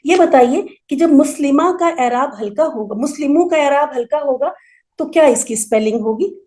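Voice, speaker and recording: Female grammar teacher, high voice, patient and methodical, drills word forms aloud. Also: expressive, darkish tone. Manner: explains patiently, repeats word forms slowly for emphasis. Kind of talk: online class lecture.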